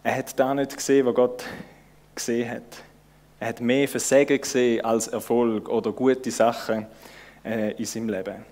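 A man's voice: medium pitch, little pitch movement, normal speed, a little mellow. A man with a Swiss German accent giving a casual, conversational sermon, informal and searching, with many fillers and restarts. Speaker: preacher.

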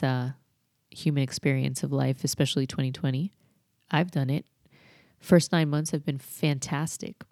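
A woman's voice: deep voice, a little mellow, no echo, clean studio sound. A woman hosting a solo podcast, rambling in a candid, reflective way as she thinks aloud. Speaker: podcast host.

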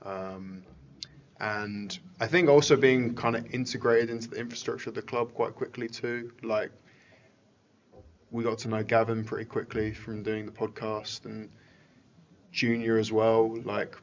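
A man's voice: fairly low pitch, little pitch movement, unhurried. A man chatting casually and reflectively as a football fan podcaster. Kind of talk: casual chat. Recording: slightly dull sound with faint noise.

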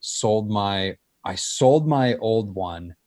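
A man's voice: fairly low pitch, expressive, very slow, a little mellow. A man in casual conversation, telling things in an informal, anecdotal way. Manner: acts out quoted dialogue when telling stories.

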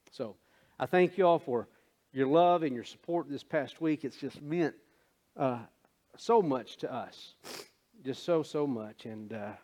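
A man's voice: medium pitch, darkish tone. A man preaching a sermon, emotional and tearful, rising to emphatic preaching. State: tearful, sniffling. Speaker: pastor.

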